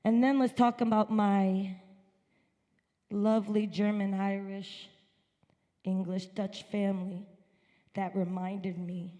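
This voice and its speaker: A woman's voice: mid-range voice, flat delivery, slow pace, pauses often, dark tone, in a large hall. A woman from upstate New York giving an earnest, emphatic personal testimony at a church service. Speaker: guest speaker at a church service. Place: church sanctuary.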